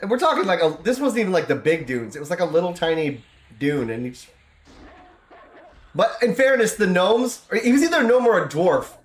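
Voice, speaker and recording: A man's voice: high-pitched, sing-song, a little fast, roomy sound. Chatty, laughing man streaming a game. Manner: rambling, laughs often, self-interrupting. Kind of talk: casual live-stream chatter while playing.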